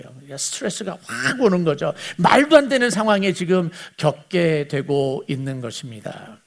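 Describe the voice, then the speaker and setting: A man preaching a sermon as pastor, telling the story in an animated way and asking his listeners questions. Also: fairly high pitch, vocal fry.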